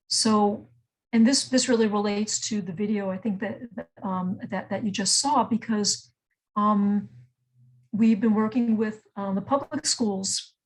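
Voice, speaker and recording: A woman's voice: mid-range voice, low-quality recording. A woman grants manager answering on a webinar panel, hesitant, with many ums and repeated words. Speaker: grants manager at a music nonprofit.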